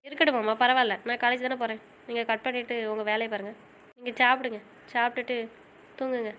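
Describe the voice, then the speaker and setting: A woman's voice: a little high, steady tone, quick pace, lo-fi sound, a little hiss or hum, close to an everyday voice. A woman voicing a stubborn young college student who insists and pleads. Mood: curt. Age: young adult. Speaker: voice actor. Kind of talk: audio drama acting.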